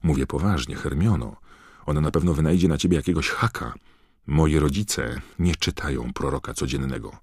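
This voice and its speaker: A man voicing a nervous teenage boy wizard in an audiobook, speaking quietly and fearfully. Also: extremely low pitch, moderate pace, breathy edge, dry recording, studio quality, exaggerated voice. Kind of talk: audiobook character voice.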